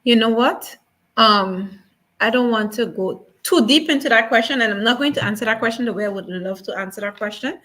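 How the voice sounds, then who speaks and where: A woman appears as a museum guest on a talk show, discussing things casually but earnestly and repeating her points for emphasis. Her voice is fairly high, a bit bright, and a little fast.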